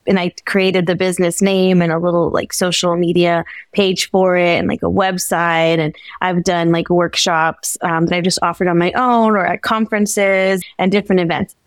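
A woman's voice: lowish voice, level tone, normal speed, hardly any pauses, no room sound. A young woman from the Bay Area, a podcast guest talking casually, laughing often and using lots of fillers. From San Francisco Bay Area. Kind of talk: casual interview talk.

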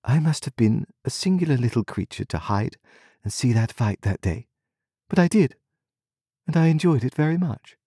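A cold and haughty young woman, as a male reader puts her on, speaking high above his own voice with a careless, disdainful composure. Her lines carry an aloof pride, coolly delivered in a dry, close reading. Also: animated, moderate pace, warm tone, slightly rough, dry recording. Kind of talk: storybook reading.

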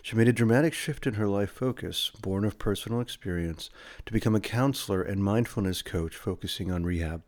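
A man with a low voice hosts a podcast, reading sponsor spots and a guest introduction before easing into conversation. He speaks in a close, dry sound and leans on ums and uhs when talking off script. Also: a little fast, darkish tone, no room sound. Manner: hesitant, many fillers in conversation. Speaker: podcast host.

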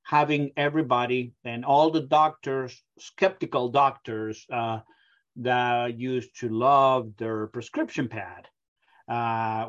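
The speaker is a middle-aged Argentine software founder with a mid-range voice and an Argentine Spanish accent, interviewed remotely on lo-fi sound. He hesitates often, filling pauses with plenty of ums and uhs.

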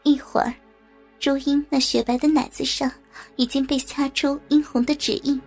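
A woman reading a story aloud as narrator, in a steady, even storytelling manner. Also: sits high, normal speed, soft background music.

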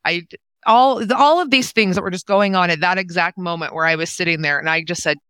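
A woman's voice: lowish voice, brisk, fairly bright tone, clean tone, no room sound, clean studio sound. A woman in her forties telling a personal story in a casual, emotional way, acting out the voices of the people in it. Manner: emotional, acts out quoted dialogue. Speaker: guest, nonprofit co-founder.

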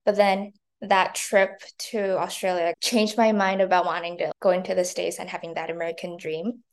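Speaking at normal speed in a lowish voice with little pitch movement, this early-twenties woman from Taiwan and China chats through a casual interview. She's a marketing intern and university student, and "like" comes up often in her answers.

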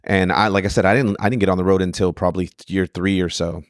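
Man, lowish voice, dry close mic, animated storyteller, swears a lot. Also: quick pace, no echo. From Sacramento area. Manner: animated storyteller, acts out quotes, swears freely. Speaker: comedian guest. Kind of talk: casual podcast storytelling.

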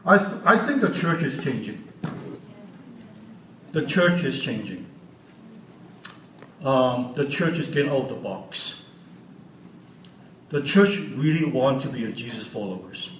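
A man's voice: mid-range voice, sing-song, unhurried, long pauses, a little hiss or hum. A man of sixty giving an unscripted church teaching as a guest speaker, earnest and often asking the audience questions. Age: 60s. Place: church hall. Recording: roomy hall audio from a distance.

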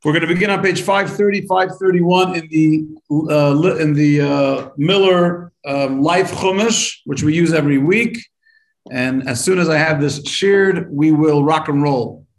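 A man with a fairly high voice leads a live-streamed Torah class. He talks in a chatty, upbeat way, like a teacher warming up his regular students. The room gives his voice a noticeable echo. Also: a little slow. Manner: chatty, upbeat teacher greeting viewers by name.

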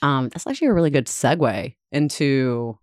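A woman's voice: extremely low pitch, lively intonation, normal speed, darkish tone, dry recording, clean studio sound. An American woman co-hosting a podcast, telling a story in a casual, chatty way. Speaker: podcast co-host. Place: small closet at home, in person.

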